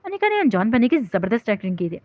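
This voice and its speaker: A woman narrating a novel as an audiobook in a steady storytelling read. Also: fairly high pitch, dry recording, phone-quality sound.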